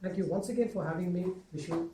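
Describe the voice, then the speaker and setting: A man's voice: high-pitched, quick pace, very noisy. A male guest speaker giving a motivational lecture with anecdotes, telling jokes to a class in a lecture room. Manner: jokey storyteller. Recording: echoey room from far off.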